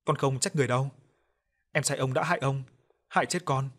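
A man voicing the ghost of a young boy, calm and forgiving, with an echoing voice, in an audio story. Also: medium pitch, brisk, lightly acted. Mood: calm resolve.

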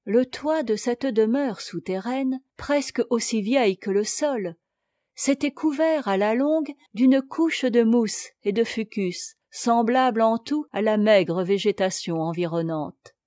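A woman narrating a classic tale as an audiobook reader, in a slow, deliberate reading. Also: a little high, dark tone, no echo, studio quality. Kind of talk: scripted narration.

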